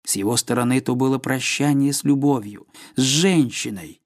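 A man's voice: medium pitch, normal speed. Man reading a classic novel aloud. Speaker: audiobook narrator. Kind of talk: scripted narration of a classic novel.

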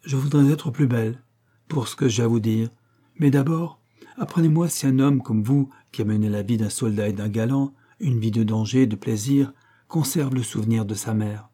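A man reading aloud who voices an earnest, pious sixteen-year-old Venetian girl, pleading softly and at times in a hushed voice. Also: medium pitch, moderate pace, breathy edge, lightly acted. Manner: pleading, soft and dreamy, sometimes whispered.

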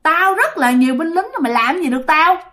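A woman's voice: lively intonation, a little fast, a bit bright. A woman voicing a defiant, taunting old woman ghost in a spoken ghost story. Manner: shrill, mocking, bossy.

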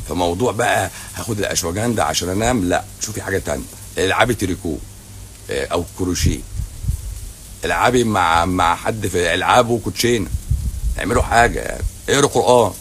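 Slight background noise accompanies a low-voiced, middle-aged doctor with an Egyptian Arabic accent. Streaming from a hotel lobby at night, he handles viewer questions in a casual Q&A with blunt, teasing sarcasm.

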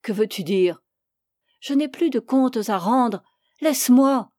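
A woman's voice: fairly high pitch, expressive, slow pace, dark tone, dry recording, studio quality, pitched above the performer's own voice. A woman reading an audiobook, voicing an anguished young woman who is passionate and reproachful. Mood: impassioned. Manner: impassioned, reproachful.

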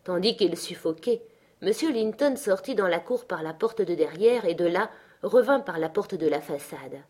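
A woman narrating a classic novel in an audiobook, measured and expressive. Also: lowish voice.

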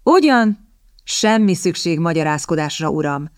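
Woman voicing a sharp young lady, cutting, impatient, dry close sound. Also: lowish voice, very animated, no room sound. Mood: tart. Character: sharp-tongued, quick-witted young woman.

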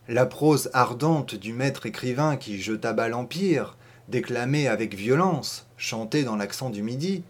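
Brief: male narrator, measured and expressive, literary audiobook reading. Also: medium pitch. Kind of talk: audiobook reading of a short story.

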